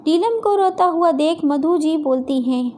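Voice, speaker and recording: A woman narrating a family moral story in a plain, clear storytelling manner. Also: sits high, expressive, unhurried, a little mellow, a little hiss or hum.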